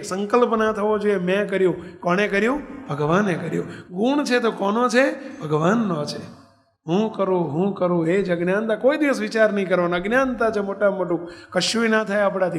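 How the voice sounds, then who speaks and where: A male preacher telling a story in a sermon, asking rhetorical questions of his listeners. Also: high voice. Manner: animated, rhetorical questions to the audience. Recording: long hall reverb.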